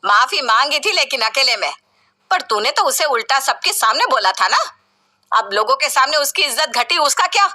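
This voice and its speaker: A woman's voice: high-pitched, lively intonation, moderate pace, pushed and bright, pitched above the performer's own voice, exaggerated voice. A woman voicing a harsh, scornful middle-aged mother-in-law who scolds and commands in a story narration. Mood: reproachful.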